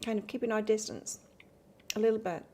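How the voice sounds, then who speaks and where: With a medium-pitched, dark-toned voice, fairly even intonation, and a slightly fast pace, this woman reads tarot on a casual live stream. She is from northern England with an accent blending northern English and Australian, and she rambles chattily, talking to viewers between cards.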